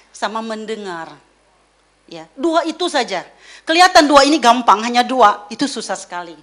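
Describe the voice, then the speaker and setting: A middle-aged woman giving a lively church teaching, acting out quoted voices as she speaks. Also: a little high. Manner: lively, acts out quoted voices, mixes in English words.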